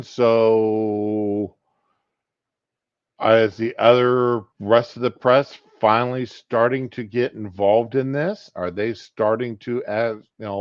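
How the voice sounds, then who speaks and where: A man who has just woken up, rambling casually and without hurry as he hosts a live stream. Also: medium pitch. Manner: just woke up, unhurried. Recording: boxy echoing room, dull sound.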